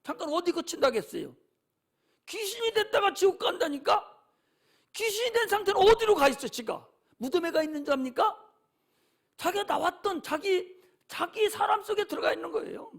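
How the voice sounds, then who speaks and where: A male pastor delivers an impassioned sermon in a church. His voice is strikingly high for a man. He drives home his points by repeating them emphatically. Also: animated, normal speed, fairly bright tone. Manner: impassioned, emphatic, repetitive preaching. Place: church sanctuary.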